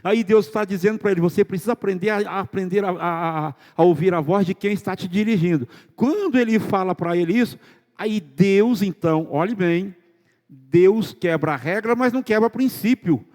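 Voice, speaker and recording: A male pastor delivers a church sermon, peppering the congregation with rhetorical questions. His voice is high and slightly dark in tone, moving at a moderate pace. The recording carries the long reverb of a large hall.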